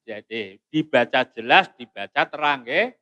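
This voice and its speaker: A man teaching Quran recitation rules in a mosque. He slowly intones the verses, then explains them briskly. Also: medium pitch, expressive, sharp tone, no echo, lo-fi sound. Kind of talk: teaching tajwid.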